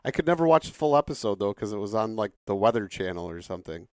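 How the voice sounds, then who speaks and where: A male podcast co-host with a fairly low voice drops short, offhand comments and questions into a relaxed conversation. His delivery is loose and unscripted. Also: quick pace.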